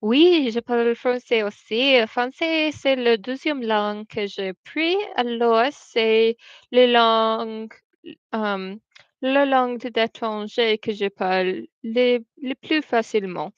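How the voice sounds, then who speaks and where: A young woman hosts a casual livestream, chatting, reading viewer comments aloud, and rambling between English and French. Her voice is a little high and smooth, at a measured pace, with no room sound. The home stream audio is dull and dry.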